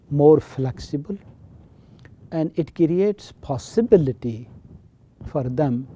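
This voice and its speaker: In interview talk, a middle-aged college teacher and chaplain from Pakistan lays out his ideas with earnest explanation and repeated key phrases. He has a warm, mid-range voice and a Pakistani accent, with a little hiss or hum on the recording.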